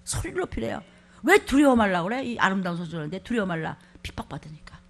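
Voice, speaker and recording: A woman pastor preaching a fiery church sermon, scolding and shouting scripture between quiet asides. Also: medium pitch, very animated, quick pace.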